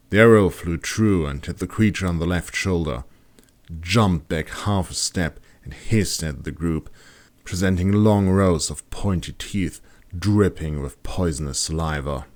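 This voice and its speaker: A man with a low voice reads scripted fantasy audiobook narration, telling the story in a dramatic, deliberate manner.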